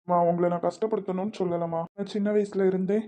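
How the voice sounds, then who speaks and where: A woman voicing a caring, earnest young man in love in a cartoon, speaking gently with a Kanyakumari Tamil accent. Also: medium pitch, steady tone, quick pace, natural voice. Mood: pleading. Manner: gentle, reassuring, soft-spoken. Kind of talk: cartoon voice acting.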